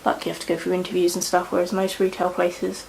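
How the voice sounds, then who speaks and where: A woman's voice: fairly low pitch, completely flat delivery, fast talker, gravelly, darkish tone, slight background noise, low-quality recording. A young woman chatting casually in a rambling way while doing her makeup at home, with lots of fillers. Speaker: beauty vlogger.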